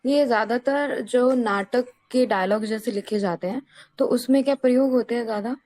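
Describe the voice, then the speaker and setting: A woman's voice: fairly high pitch, normal speed, darkish tone, dry recording. A female student in a class, politely asking her teacher hesitant questions with fillers.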